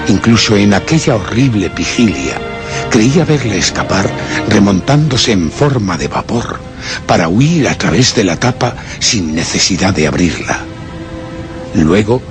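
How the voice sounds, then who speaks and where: In a horror radio drama, a low-voiced actor with a Castilian Spanish accent plays a tormented, guilt-ridden gentleman narrating his descent into madness, his delivery brooding and literary. A music bed plays behind him.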